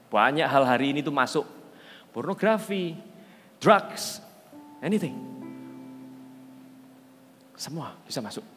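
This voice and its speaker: A man preaching, telling stories animatedly and acting out the voices of the people in them. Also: mid-range voice. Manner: animated storyteller, acts out voices, loud rising outbursts. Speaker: pastor. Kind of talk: sermon with told stories. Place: large church hall. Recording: live church hall with reverb.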